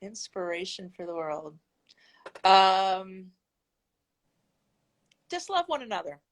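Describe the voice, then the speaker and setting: A woman being interviewed in a casual video call, animated, blunt and laughing often. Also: mid-range voice, takes it slowly, low-quality recording. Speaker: interview guest. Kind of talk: casual chat.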